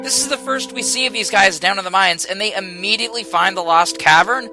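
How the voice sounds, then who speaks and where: A man's voice: high-pitched, fairly quick, music in the background. A man narrating a scripted comedic video game review in a sarcastic, exasperated way.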